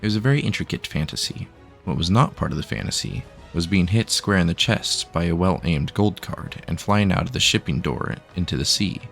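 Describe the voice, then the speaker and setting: A deep-voiced man narrates a story in a calm, unhurried way, with a dry, wry touch to his reading. His voice has a noticeable gravelly rasp, and soft background music plays under him.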